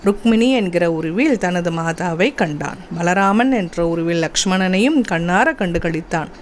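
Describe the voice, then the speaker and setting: Woman narrator, devotional tale, very slow measured reading. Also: lowish voice, animated, slight background noise. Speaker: storyteller.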